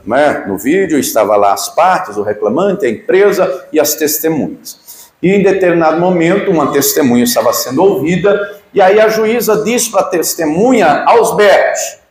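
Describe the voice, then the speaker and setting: A man's voice: a little high, darkish tone, echoey room. A man with a Brazilian Portuguese accent preaching a sermon, emphatic and full of rhetorical questions. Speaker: pastor.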